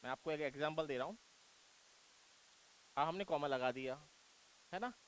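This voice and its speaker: This is an Indian man with a fairly high voice running an exam-prep English grammar lesson. He coaxes and repeats himself, calling students "beta" and answering his own questions. A faint hiss runs under the recording. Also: normal speed, poor audio. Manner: coaxing and repetitive, calls students "beta", asks rhetorical questions.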